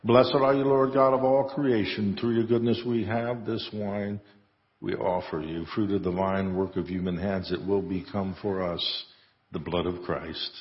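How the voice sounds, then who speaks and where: A man's voice: on the low side, fairly even intonation, unhurried. A man presiding as priest, reciting the liturgy solemnly in a church with a cathedral echo. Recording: cathedral-like echo, long reverb, muffled sound.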